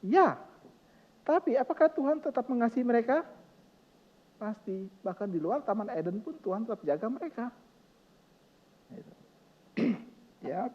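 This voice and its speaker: High-voiced man preaching with fervor. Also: expressive, normal speed, long pauses, in a large hall, dull audio. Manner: passionate, emphatic preaching, swinging from loud exclamations to soft, tender lines. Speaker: pastor. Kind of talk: sermon.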